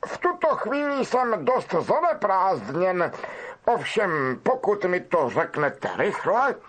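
A preening middle-aged wizard professor, put on by a male reader, speaks high and bright with a lively, swooping line. He draws his words out slowly and smugly, sounding set apart from the narrating voice. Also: heavily acted. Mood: evasive. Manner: affected, drawn-out, self-pleased.

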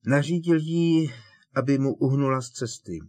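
Audiobook: an earnest teen boy pressing his point, quiet but unyielding, voiced by a man. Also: medium pitch, expressive, no echo, close to an everyday voice. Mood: grim. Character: teenage boy wizard, grim, insistent.

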